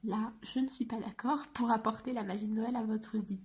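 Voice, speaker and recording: A woman reviewing a coloring book in a soft, often half-whispered voice, hesitant and chatty. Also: on the high side, fairly even intonation, moderate pace. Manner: hesitant, with frequent fillers.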